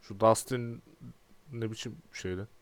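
Young male gaming YouTuber, twenties; clean resonant low voice, exasperated and grumbly, clears throat a lot. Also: steady tone, a little slow, dry recording. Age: 20s. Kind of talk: casual gameplay commentary.

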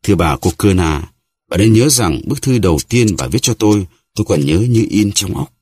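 A man's voice: on the low side, animated, moderate pace, a little mellow, breathy edge, no room sound, pitched above the performer's own voice. A man voicing a vain, boastful musketeer who talks haughtily and acts offended. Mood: haughty.

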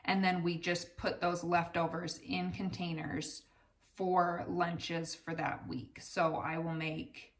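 A woman's voice: lowish voice, little pitch movement, takes it slowly, recorded from a distance. A woman in her thirties chatting candidly to camera in her home kitchen, in a conversational, self-deprecating way. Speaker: vlogger, mother. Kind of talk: casual chat to camera. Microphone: camera a little way off.

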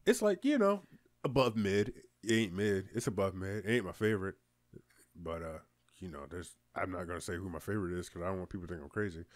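A man's voice: deep voice, expressive, fast talker, dry recording. A man co-hosting a casual podcast chat, teasing and swearing often, speaking close to the mic. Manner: teasing, profane, laughs often. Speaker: podcast co-host. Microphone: studio mic, close.

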